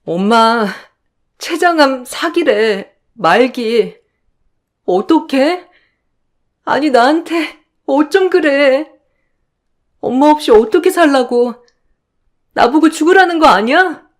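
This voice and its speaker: A woman's voice: fairly high pitch, big pitch swings, measured pace, long pauses. A woman playing a grieving daughter in a radio drama, pleading and tearful. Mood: sobbing.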